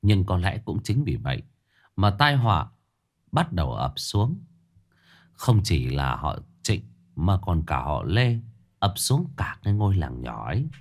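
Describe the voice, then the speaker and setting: A man narrating a dramatic village tale in an expressive, scripted storytelling voice. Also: sits low, measured pace.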